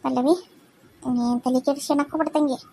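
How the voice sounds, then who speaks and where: A woman voicing an older village mother-in-law in a cartoon family drama, speaking softly and apologetically with a North Karnataka Kannada accent. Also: high-pitched, fairly even intonation, quick pace, a little hiss or hum, pitched below the performer's own voice. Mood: remorseful. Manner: soft, pleading, apologetic.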